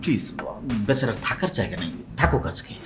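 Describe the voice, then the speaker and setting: A man acting a flustered husband in a comedy sketch, often hushing his voice. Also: medium pitch, sing-song, fast talker, echoey room, music in the background. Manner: flustered and hushed.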